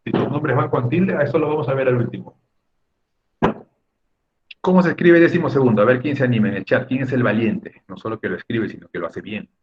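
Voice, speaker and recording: A man's voice: medium pitch, brisk, breathy edge, highs cut off. A man teaching a spelling lesson in an online class, chatty and joking with his students over a computer mic.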